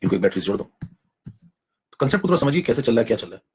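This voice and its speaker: Rapid, husky-voiced male chemistry teacher. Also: medium pitch, big pitch swings. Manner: rapid, coaxing, mixes in English technical terms. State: saving his voice, speaking softly. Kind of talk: live online class lecture.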